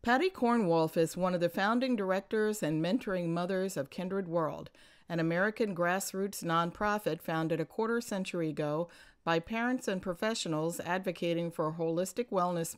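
A woman host giving a measured, formal scripted narration to introduce a series and its guests. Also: lowish voice, clear, resonant tone. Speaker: host, media editor.

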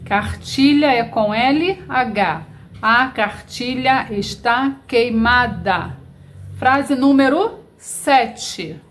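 Slow-dictating woman teacher. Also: fairly high pitch, slight background noise. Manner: dictates word by word, spelling out letters.

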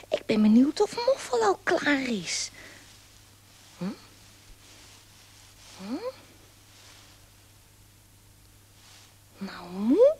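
A woman's voice: very high voice, a little mellow, full character voice. A woman voicing a tiny, earnest, childlike puppet character who is eager to help. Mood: curious.

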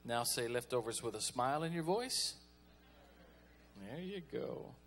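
A man's voice: on the high side, expressive, a little slow, a bit bright, soft background music. A man preaching a folksy, conversational sermon as pastor, calling on the congregation to respond.

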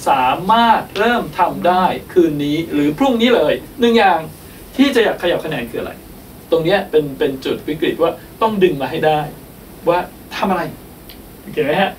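Guy running a teacher workshop, high voice, kinda far from the mic, bit of room noise. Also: lively intonation, moderate pace. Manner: explains with repeated checking questions. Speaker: workshop trainer. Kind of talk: teacher-training workshop commentary.

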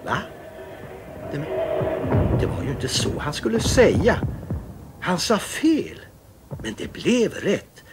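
A man reading a children's story aloud with expressive, dramatic storytelling. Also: high-pitched, vocal fry, music in the background.

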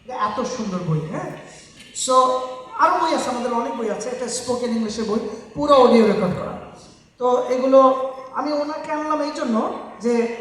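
A teacher leading children through an English lesson on stage, energetic and coaxing, calling out words for the group to repeat. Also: medium pitch, normal speed, long pauses. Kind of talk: lively classroom instruction on stage. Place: large echoey hall at an arts academy. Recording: echoey hall from far off, faint noise.

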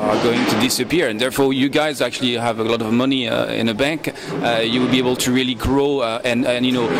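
A man interviewing a guest at a conference, asking long, halting questions full of fillers. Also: mid-range voice, very noisy. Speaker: interviewer, travel blogger.

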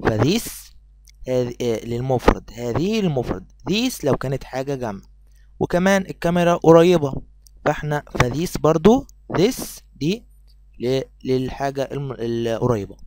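A man's voice: mid-range voice, expressive, a little mellow, dry recording. Patient Egyptian man teaching. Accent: Egyptian Arabic. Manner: patient, drawn-out English words, quizzes pupils. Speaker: English teacher. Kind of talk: recorded lesson for children.

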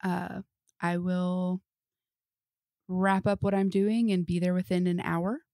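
Woman player, soft-spoken, very slow pace, lowish voice. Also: level tone, no room sound, clean studio sound. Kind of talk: playing a character in a tabletop game.

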